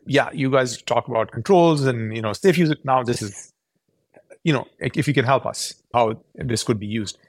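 A man's voice: medium pitch, slightly rough, no echo. A man in his forties from Pakistan, giving earnest, explanatory answers as a podcast guest. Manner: earnest, explanatory, with frequent restarts. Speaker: tech company founder, guest.

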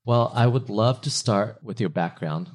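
A man's voice: fairly low pitch, moderate pace, darkish tone. A man hosting a podcast, asking friendly, curious questions. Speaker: podcast host. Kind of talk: podcast interview.

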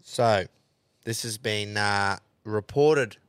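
A man's voice: on the low side, takes it slowly, smooth. A man with an Australian accent hosting a casual sports podcast in a blokey, sweary way. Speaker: podcast host. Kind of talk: casual sports chat with sponsor reads.

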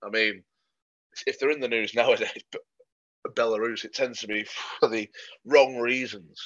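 Speaking at normal speed in a mid-range, slightly bright voice with fairly even intonation, a man co-hosts a casual football podcast. His opinions come out dry and matter-of-fact, peppered with ums. Recorded on a podcast mic, the audio is muffled and lo-fi.

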